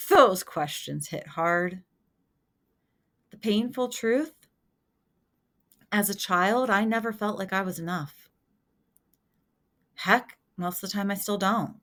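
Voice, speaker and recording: A woman's voice: medium pitch, a bit bright. A woman hosting her own podcast, talking in an earnest, confessional way in a reflective personal monologue. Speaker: podcast host.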